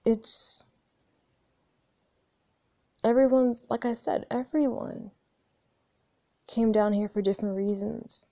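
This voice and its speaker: Here the young spiritual vlogger, a woman of twenty-one, talks slowly and pauses often in a fairly high, fairly even voice with a darkish tone. Her monologue about her spiritual journey is loose and reflective, full of casual swearing and restarted sentences. There is no echo.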